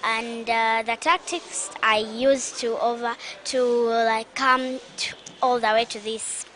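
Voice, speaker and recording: A woman with a fairly high, bright voice, speaking slowly and haltingly as she answers an interview question. Faint noise sits behind her. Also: fairly even intonation. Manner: slow, halting, with restarts. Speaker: spelling bee contestant.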